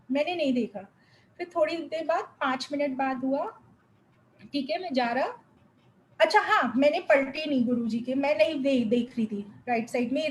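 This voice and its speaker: A woman's voice: sits high, a little hiss or hum, poor audio. A young woman giving an earnest, emotional spiritual testimony to a congregation, mixing English words into her speech. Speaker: devotee sharing a testimony.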